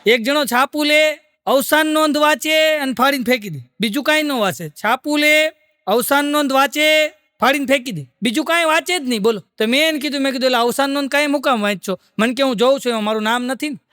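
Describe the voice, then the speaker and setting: A man tells jokes in a chatty stand-up style, his voice pitched very high. The sound is dry and close, with no room around it. He keeps asking the audience along and breaks into short sung lines. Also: fast talker, bright, forceful tone, no echo. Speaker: stand-up comedian. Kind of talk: Gujarati joke telling.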